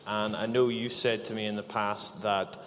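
A man's voice: fairly low pitch, level tone, moderate pace, a bit bright, a little hiss or hum. Encouraging man in an echoey hall. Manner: upbeat, encouraging, prompting questions. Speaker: church leader hosting an interview. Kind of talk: live church interview. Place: church hall. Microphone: handheld microphone.

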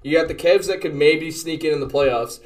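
A man's voice: a little high, moderate pace. A young man co-hosting a casual sports podcast, talking in long rambling runs and laughing easily. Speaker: podcast co-host.

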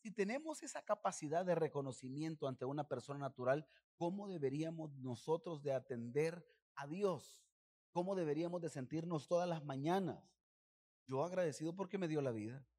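A man's voice: a little high, expressive, a little fast, warm tone. A male pastor preaching a sermon, emphatic, often calling the congregation to repeat phrases after him.

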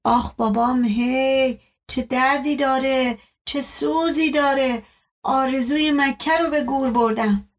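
A woman's voice: sits high, steady tone, few pauses, fairly bright tone. A woman voicing a groaning old servant man. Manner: moaning, self-pitying, rustic speech.

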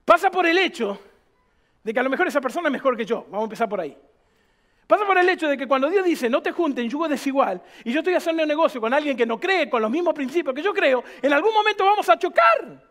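High-pitched preaching pastor. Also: male voice, lively intonation, fast, a bit bright. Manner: emphatic preaching with rhetorical questions. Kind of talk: sermon. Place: church.

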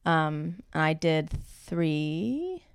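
Female comedian guest, clean lowish voice, casual self-mocking podcast banter. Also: sing-song, drawn-out words, smooth, no echo, clean studio sound. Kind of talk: casual, joking chat.

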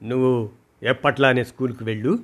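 A man's voice: medium pitch, fairly even intonation, fairly quick, close to an everyday voice. A man voicing an anxious, caring mother who fires off coaxing questions. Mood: reassuring.

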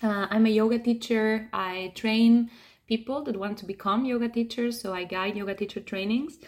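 A woman from Argentina, a yoga teacher, talking in a gentle, reflective way with soft fillers as a podcast guest. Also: a little high, fairly even intonation, normal speed. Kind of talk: casual conversational interview.

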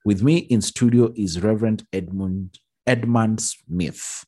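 A man hosting a studio magazine show, interviewing a guest. His voice sits low and is a bit husky. He listens closely and keeps up a steady stream of mm-hmms. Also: unhurried. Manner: attentive, with many backchannel mm-hmms.

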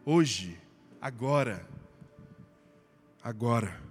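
A man with a Brazilian Portuguese accent preaching a sermon, impassioned, swinging from loud to hushed. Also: mid-range voice, expressive, very slow, in a large hall, faint music behind.

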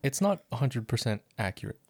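A man's voice: mid-range voice, very animated, fairly quick. A young man co-hosting a podcast, laid-back and dryly teasing in casual chat. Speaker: podcast co-host.

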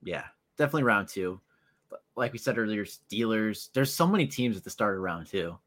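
A man's voice: on the low side, animated, a little fast, fairly bright tone. A man co-hosting a casual sports talk show, talking eagerly and conversationally. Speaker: podcast co-host.

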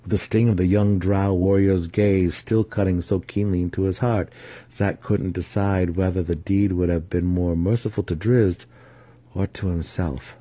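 A man with a deep, dark, husky voice narrates a fantasy audiobook in a dramatic, theatrical, scripted style. His tone stays steady at a moderate pace, and the recording is dry.

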